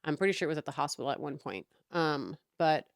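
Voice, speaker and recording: Exasperated chatty woman, low dry voice. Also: big pitch swings, fast, vocal fry, no echo. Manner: chatty, exasperated, swears freely. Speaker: podcast host. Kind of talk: casual storytime rant.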